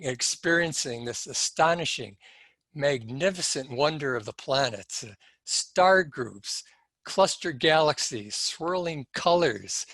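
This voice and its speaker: A man speaking at a symposium, telling a personal story in a slow, reflective and halting way. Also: medium pitch, a bit bright, no room sound.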